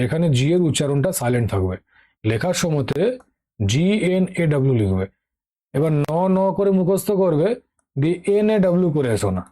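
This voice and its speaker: A man's voice: a little high, warm tone. Patient Bengali-accented male teacher. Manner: patient, repeats key words with frequent "ঠিক আছে?" checks. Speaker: English vocabulary teacher. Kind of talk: online exam-prep lesson.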